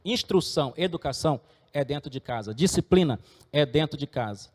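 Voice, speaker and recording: A man's voice: fairly high pitch, expressive, brisk, a little mellow, big-room sound. A middle-aged man, preaching a sermon and earnestly exhorting his congregation. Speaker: pastor.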